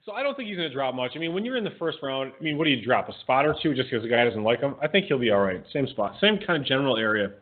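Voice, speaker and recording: A man co-hosting a podcast in casual chat, giving quick, chatty opinions and correcting himself as he goes. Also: medium pitch, very animated. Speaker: podcast co-host. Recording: phone-like narrow sound.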